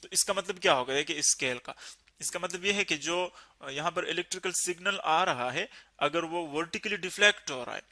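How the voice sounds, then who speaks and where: A man teaching a physics lesson, explaining slowly and repeating key terms. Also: a little high, pushed and bright.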